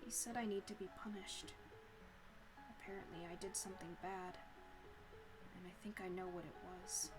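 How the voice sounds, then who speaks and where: A woman reading a soft-spoken, troubled bird professor. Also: medium pitch, steady tone, loud music behind the voice, close to an everyday voice, poor audio. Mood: subdued. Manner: soft, subdued, halting. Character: gentle but unsettling male bird professor. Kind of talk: reading a visual novel aloud.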